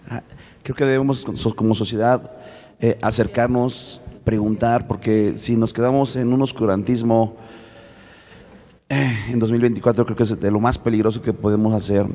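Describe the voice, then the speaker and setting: A man's voice: medium pitch, dark tone, long reverb tail. A man with a Mexican accent speaking in a panel discussion and telling stories, stopping and restarting often with many fillers. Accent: Mexican Spanish. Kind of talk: casual storytelling in a discussion.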